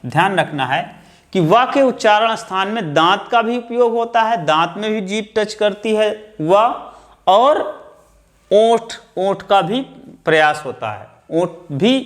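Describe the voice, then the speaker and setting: A man's voice: high voice, expressive. A man teaching a grammar lesson, explaining step by step and repeating key terms. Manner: slow, explaining step by step with counted lists.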